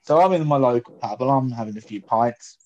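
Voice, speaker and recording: A man chatting casually, telling rambling, halting stories. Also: mid-range voice, darkish tone, muffled recording. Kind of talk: casual chat.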